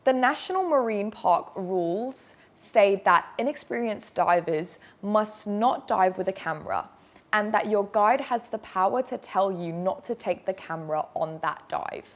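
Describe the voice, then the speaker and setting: A woman's voice: medium pitch, unhurried. A woman presenting an instructional safety briefing, explaining directly with emphasis and reassurance. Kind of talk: instructional video narration.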